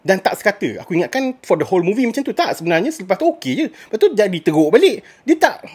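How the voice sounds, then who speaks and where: A woman's voice: mid-range voice, sing-song, quick pace, a little mellow, slightly rough. A woman with a Malaysian accent giving a casual spoken movie review, ranting in exasperation and mixing in English phrases.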